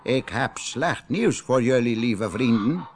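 A man voicing a kind old farmer who speaks gently and with regret in a storybook reading. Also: mid-range voice, animated, slow, noisy background. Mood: sad.

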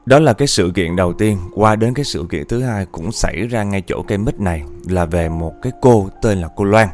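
A man's voice: fairly low pitch, a little mellow. A man tells a ghost story in a chatty, conversational way. He keeps turning to address his listeners directly, and faint music plays underneath.

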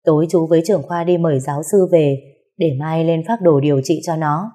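Woman reading as a kindly older uncle, grieving, soft halting voice, low mellow tone, storybook. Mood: gentle. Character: older man, grieving worried uncle, gentle.

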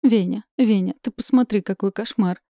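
A woman reading an audiobook, voicing a fussy, house-proud middle-aged mother who wails theatrically in a thin, high voice. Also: moderate pace, warm tone, dry recording, studio quality, natural voice. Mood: hysterical. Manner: shrill, theatrical wailing.

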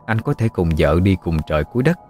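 A man narrating a ghost story in a low, measured voice. He tells it steadily, with quiet music playing behind him. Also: sing-song.

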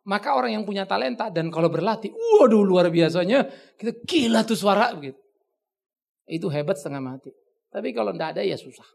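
Male pastor, gravelly and hugely expressive, jumping from shouts to hushed asides. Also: high voice, a little fast. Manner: animated, swings between loud exclamations and soft asides; conversational, teasing, uses slang. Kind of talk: topical sermon.

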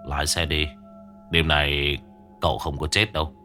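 A composed, mysterious middle-aged exorcist, put on by a male narrator for an audio ghost story. The voice sits very low and stays unhurried and matter-of-fact. A faint wash of music runs underneath. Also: animated, pushed and bright. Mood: calm.

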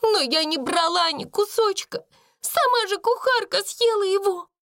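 A frightened little servant girl pleads through tears in a storybook, her voice pitched very high, as a woman reads her. The delivery swings widely in pitch and sounds close and dry. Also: expressive, measured pace, a bit bright, no room sound, heavily acted. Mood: despairing. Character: sobbing poor young servant girl, frightened.

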